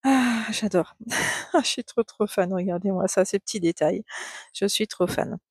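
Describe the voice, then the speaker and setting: A middle-aged woman chatting in a casual knitting vlog, gushing and excitable, repeating words and laughing often. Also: medium pitch, a little slow, breathy edge, no room sound, studio quality. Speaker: knitting vlogger.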